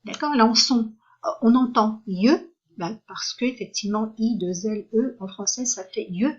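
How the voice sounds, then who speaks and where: A woman's voice: on the high side, moderate pace, a little mellow, breathy edge, highs cut off. A woman teaching a reading lesson for beginners, patient and repetitive, checking often that her listeners follow, with frequent hesitant fillers.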